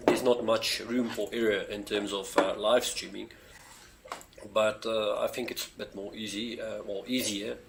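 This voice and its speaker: This fairly low, creaky male voice keeps a level tone at a normal speed, with heavy background noise. He is a space channel streamer from South Africa, a native Afrikaans speaker with a South African accent, rambling casually on his own live stream from home near a street, full of fillers and eager appeals to viewers.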